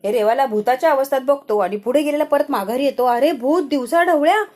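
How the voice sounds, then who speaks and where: A woman with a fairly high voice gives a casual, chatty recap of a TV serial episode. She retells the plot scene by scene in a storytelling way. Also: brisk, a little mellow.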